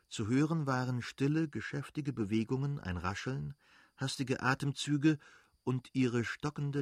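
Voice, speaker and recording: A man reading a literary novel aloud as narrator, measured and dramatic. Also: mid-range voice, no echo, clean studio sound. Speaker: audiobook narrator.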